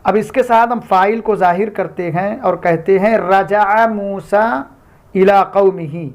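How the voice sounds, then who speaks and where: A man's voice: high voice, steady tone. A man teaching Quranic Arabic grammar, reading each example twice and explaining it, often calling his listeners friends. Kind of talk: Urdu-language grammar lesson with repeated examples.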